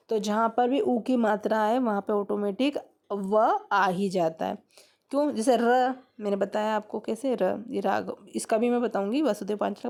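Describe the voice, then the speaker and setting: A woman's voice: mid-range voice, creaky, darkish tone. A woman teaching a grammar lesson, explaining step by step and repeating questions back to her students.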